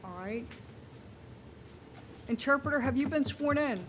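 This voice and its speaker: A woman's voice: high-pitched, measured pace, a bit bright. A woman presiding as judge, reading charges and setting bond in a firm, businesslike way, heard on a courtroom recording. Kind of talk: formal court hearing. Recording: courtroom recording with faint noise.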